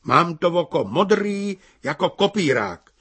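A man voicing a curt, stubborn young clerk in a storybook reading, with a husky voice. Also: sits high, big pitch swings, fairly bright tone, pitched above the performer's own voice, full character voice.

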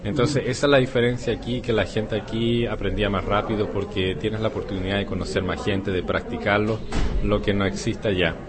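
A man from Chile with a Chilean Spanish accent, a Spanish teacher answering interview questions in a relaxed, rambling way with hesitations. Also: on the low side, a little fast, crowd noise.

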